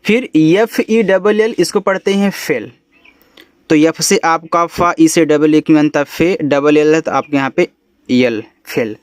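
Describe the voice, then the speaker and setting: A man's voice: a little high, a little slow, smooth, no room sound. A man teaching English, spelling out each word letter by letter and explaining its meaning patiently. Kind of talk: spelling out and reading a story word by word.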